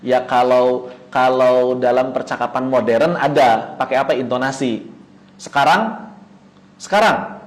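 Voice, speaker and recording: A man teaching Quran recitation rules in an online lesson, who poses questions and answers them himself, chanting example words slowly. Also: mid-range voice, little pitch movement, a little mellow, low-quality recording. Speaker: tajwid teacher.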